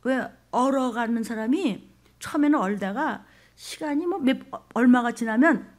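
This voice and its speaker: A woman pastor preaching a fervent sermon, shifting between shouted exhortations and hushed near-whispers. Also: a little high, moderate pace. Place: church.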